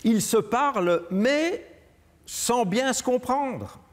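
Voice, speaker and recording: Measured man preaching in a reverberant church. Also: extremely high pitch, animated. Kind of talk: sermon.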